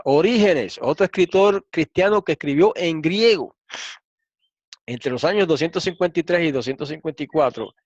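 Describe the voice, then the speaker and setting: A man's voice: mid-range voice, dry recording. A man teaching a Bible lesson, explaining step by step and checking in with listeners. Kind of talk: lecture reading through quotations. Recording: dull, dry lo-fi recording.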